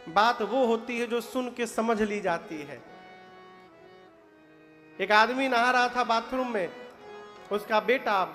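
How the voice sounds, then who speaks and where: Man preacher, very high voice, unhurried delivery, long hall reverb. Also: a bit bright. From eastern Uttar Pradesh. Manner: prods the audience with questions and answers, breaks into chanted verses. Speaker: katha preacher. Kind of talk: devotional sermon storytelling. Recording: reverberant hall with faint music.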